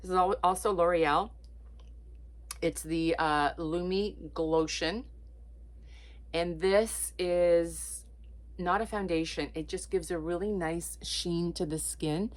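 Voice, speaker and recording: A lifestyle vlogger in her late fifties, originally from Portugal, chats casually to camera with plenty of ums and likes. Her lowish voice is steady and unhurried as she offers warm-hearted encouragement.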